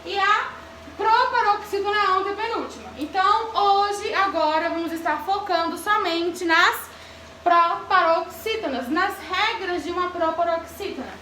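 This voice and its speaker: A woman's voice: extremely high pitch, moderate pace, bright, forceful tone, a little hiss or hum. A woman teacher giving a grammar lesson to children, asking the class questions and calling on pupils by name. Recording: echoey classroom from far off.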